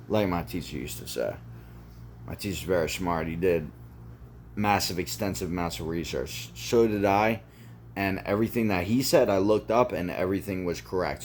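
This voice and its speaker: A man giving a casual motivational talk in a deep, firm voice, repeating his points with emphasis and casual swearing. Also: a little mellow, slight background noise. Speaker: motivational vlogger.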